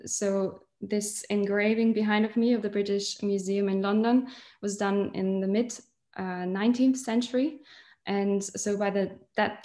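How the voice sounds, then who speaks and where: A woman's voice: mid-range voice, a little mellow. A young woman from Switzerland, a doctoral researcher, giving an online lecture from a museum collection room and explaining while holding up specimens. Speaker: PhD researcher.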